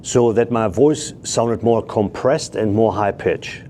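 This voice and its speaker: Man, sales trainer, blunt coaching, low voice, soft hiss behind. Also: takes it slowly. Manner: blunt, coaching, drops rhetorical "right?". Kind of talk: casual group discussion.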